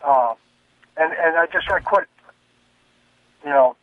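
An older man calling in to a radio talk show on a speakerphone, talking haltingly and repeating himself. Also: on the high side, dry recording. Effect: caller on a speakerphone over a phone line. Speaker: caller. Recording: tinny speakerphone call with a dry sound.

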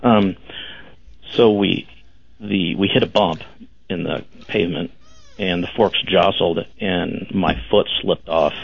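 A man in his fifties with a very deep, gravelly voice comes through a crackling, distorted phone line. The sound is husky and dull, and it lacks any room echo. He talks in a halting, dry way as a caller. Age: 50s. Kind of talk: casual call-in chat.

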